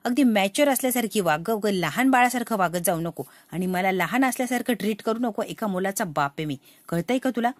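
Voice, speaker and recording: A woman's voice: mid-range voice, animated, fairly quick, dry recording, lightly acted. A woman voicing an irritated young husband. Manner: scolding, exasperated.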